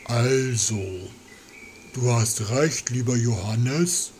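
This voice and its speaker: A solemn tree-guardian spirit, channeled by a man, speaking slowly and deliberately. His voice has a mid pitch. Birdsong and crickets fill the air behind him. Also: slight background noise. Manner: slow, measured, earnest. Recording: loud birds and insects behind.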